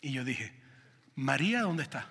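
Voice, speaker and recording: A man preaching a sermon in church, telling a personal story with animated delivery and asking the congregation questions. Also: medium pitch, normal speed, gravelly, husky, long reverb tail. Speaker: pastor.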